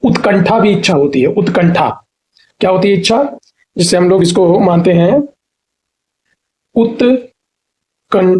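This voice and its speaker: High-voiced man drilling exam vocabulary. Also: normal speed, darkish tone, slight background noise. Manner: repeats each answer, asks and answers own questions; spells words out syllable by syllable. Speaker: Hindi exam teacher. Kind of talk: online exam-prep class.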